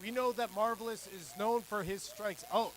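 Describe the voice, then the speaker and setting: Very high-pitched male wrestling commentator. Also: moderate pace, fairly bright tone, low-quality recording. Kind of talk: live sports commentary.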